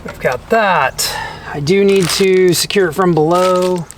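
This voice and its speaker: Speaking at a medium pitch and an unhurried pace, a DIY vlog host narrates a casual, hands-on how-to, chatting informally to themself as they work. The on-site recording is clearly noisy, with clicks.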